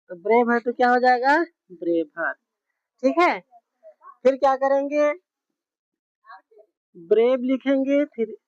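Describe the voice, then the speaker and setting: A woman teaches a grammar lesson at an unhurried, deliberate pace, repeating each word and spelling it out letter by letter. Her voice sits a little high. The recording is dull and muffled, with a close, dry sound. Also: a little mellow, no echo. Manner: slow, repetitive, spells words out letter by letter with frequent check-ins.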